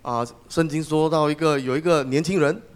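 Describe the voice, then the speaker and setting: A man's voice: a little high, steady tone, a little fast, smooth. A man interpreting a sermon phrase by phrase, with some hesitations as he goes.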